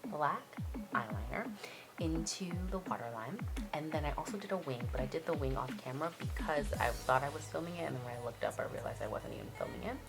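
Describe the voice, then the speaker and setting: Low, creaky, muffled woman vlogger. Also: fast talker, hardly any pauses. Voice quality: slightly muffled. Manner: chatty, self-deprecating, apologetic. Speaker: beauty vlogger. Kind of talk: casual makeup tutorial voice-over. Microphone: basic mic, not a good one. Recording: muffled cheap mic, loud music behind. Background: loud music.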